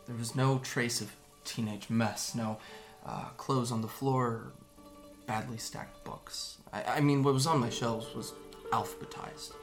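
A man playing a gravelly, hesitant young man. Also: medium pitch, steady tone, faint music behind, close to an everyday voice. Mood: somber. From Japan. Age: young adult. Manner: soft, hesitant storytelling with halting restarts. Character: young man, guarded and wry, recalling his escape. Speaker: interviewee. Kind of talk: audio drama monologue.

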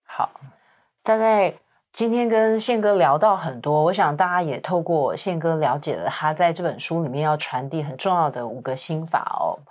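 A woman, a magazine editor hosting an interview, attentive and quick to affirm. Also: low voice, darkish tone.

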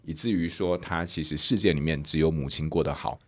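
Deep fast-talking Taiwanese man host. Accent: Taiwanese Mandarin. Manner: engaged, summarizing and asking follow-ups. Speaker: podcast host. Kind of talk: relaxed interview chat.

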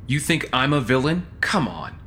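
A man playing a calm, self-assured villainous schemer in an audio drama, talking in a smooth, persuasive, condescending way. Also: mid-range voice, moderate pace. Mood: calm, confronting. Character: calm, self-assured male schemer defending his ruthless plan. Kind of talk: scripted audio drama acting.

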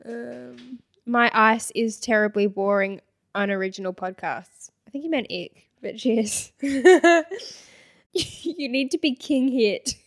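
Reading hate comments on her podcast, this young co-host laughs a lot and slips into mock voices for each one. She speaks slowly, in a fairly bright voice that sits on the high side.

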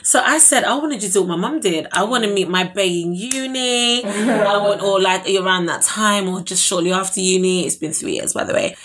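A woman's voice: mid-range voice, brisk, few pauses, fairly bright tone, slight background noise. A woman in her twenties with an Essex accent, hosting a podcast in a chatty, informal, conversational way. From Essex, England. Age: 20s. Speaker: podcast host. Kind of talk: casual chat.

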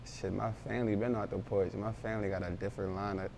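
A man's voice: fairly low pitch, flat delivery, quick pace, vocal fry, a little mellow, a little hiss or hum. A young man, a rapper, talking casually in an interview with loose, rambling street slang. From Baltimore, raised in Philadelphia.

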